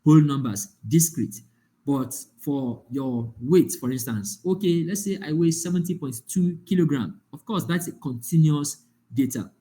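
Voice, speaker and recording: A man's voice: on the high side, moderate pace, dark tone. A man teaching a live online data analytics class, explaining with examples and often checking that the class follows. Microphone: online call.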